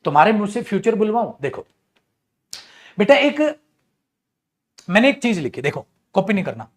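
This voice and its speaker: A man teaching English grammar in an online class. He speaks in a fairly high voice, lively and playful, teasing his students as he explains. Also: moderate pace. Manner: lively, jokey, addresses students as beta, acts out student voices.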